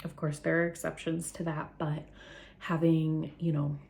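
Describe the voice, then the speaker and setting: A young woman chats earnestly to camera about her work as a therapist, a little out of breath. Her voice sits low with a gravelly fry. The tone is mellow and warm. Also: level tone, measured pace. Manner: chatty, earnest, filler-heavy. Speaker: therapist and channel host. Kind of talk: casual talking-head vlog.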